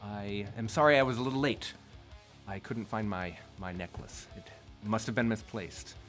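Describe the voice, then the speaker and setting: A man's voice: fairly low pitch, moderate pace, a bit bright, soft background music. A man voicing an imperious princess in a tabletop game, formal and mock-gracious, with coolly polite airs. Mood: breezy, haughty. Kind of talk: tabletop game role-play.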